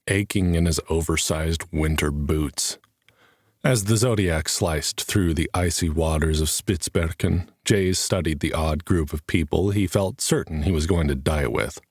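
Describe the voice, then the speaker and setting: A man's voice: low-pitched, no echo. A man narrating an audiobook with a dry, wry delivery.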